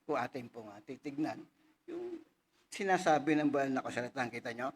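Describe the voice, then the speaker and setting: A male pastor preaching a casual, conversational sermon, reading scripture slowly and louder and often asking the congregation "right?". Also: mid-range voice, wildly swooping pitch, noisy background. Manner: frequent tag questions to the congregation.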